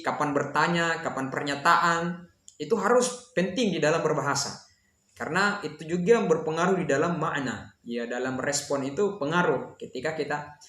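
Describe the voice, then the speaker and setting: A man teaching an Arabic lesson, reading dialogue lines slowly and explaining them with frequent fillers. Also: on the high side, a bit bright, echoey room.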